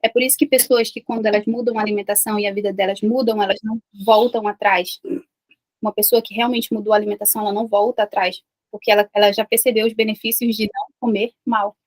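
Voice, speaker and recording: A woman's voice: medium pitch, little pitch movement, fast talker. A Brazilian woman in her thirties sharing an emotional personal faith testimony with a live online group, repeating herself and confiding. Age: 30s. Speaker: online community host.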